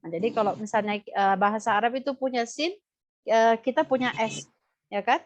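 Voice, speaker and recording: A woman with an Indonesian accent and a slightly high, fairly quick voice teaches Quran recitation in a live lesson. She answers student questions, explaining and demonstrating how sounds are pronounced, over dull, lo-fi online audio.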